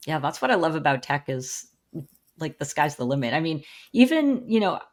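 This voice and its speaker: Frank woman in her forties, lowish voice. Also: very animated, normal speed. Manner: enthusiastic, frank, many fillers. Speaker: podcast guest. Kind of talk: casual podcast conversation.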